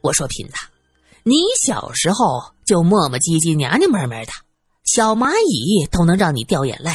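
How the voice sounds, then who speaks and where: A blunt young man in an audiobook who rattles off brusque, teasing remarks, with a woman narrator putting him on. The voice sounds slightly husky, dry and close, over faint background music. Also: low-pitched, sing-song, darkish tone, no room sound, full character voice. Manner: brusque, fast and offhand.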